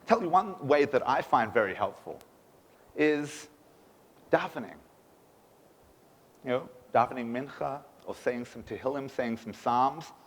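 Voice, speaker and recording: A man's voice: mid-range voice, animated, measured pace, long pauses. A man giving a sermon as a rabbi, preaching emphatically with rhetorical questions in a synagogue. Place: synagogue sanctuary. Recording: echoey synagogue hall.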